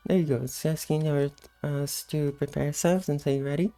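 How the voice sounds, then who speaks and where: A woman giving casual, unhurried gameplay commentary in a sleepy, just-woke-up morning voice. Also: sits low, steady tone, dark tone, soft background music. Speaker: gameplay host.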